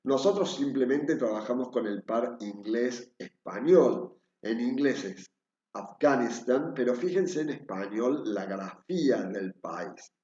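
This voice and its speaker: Man, Argentine accent, instructor, unhurried lecture, roomy, slightly dull sound. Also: mid-range voice, expressive, warm tone. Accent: Argentine Spanish. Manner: patient, repeatedly pointing things out. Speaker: translation instructor. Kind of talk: screen-share lecture walking through reference dictionaries.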